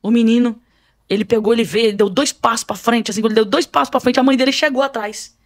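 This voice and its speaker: A woman's voice: a little high, steady tone, fast. A woman, a podcast guest telling a spiritual testimony and acting out the scenes she describes. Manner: vivid storyteller, acts out scenes.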